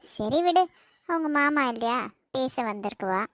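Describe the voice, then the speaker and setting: A woman doing a blunt caring cartoon friend, Kanyakumari Tamil accent, high voice, dry close sound. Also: lively intonation, no echo. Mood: brisk. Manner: brisk, scolding but comforting. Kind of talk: cartoon voice acting.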